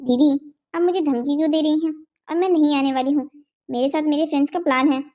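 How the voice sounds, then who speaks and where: A woman's voice: sits high, fairly even intonation, fast talker, dark tone, lightly acted. A woman voicing a carefree, stubborn young daughter-in-law who talks back defiantly in a cartoon. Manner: defiant, careless.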